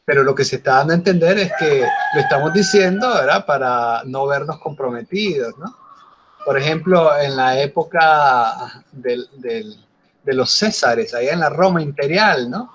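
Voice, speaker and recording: A man's voice: a little high, moderate pace, fairly bright tone, slight background noise. Male teacher explaining, tag questions. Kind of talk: online class lecture.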